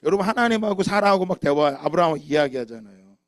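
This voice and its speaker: A man preaching a sermon as a pastor, asking the congregation questions and answering them himself, swinging between loud emphatic lines and quiet low ones. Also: lively intonation, fast, dry recording, studio quality.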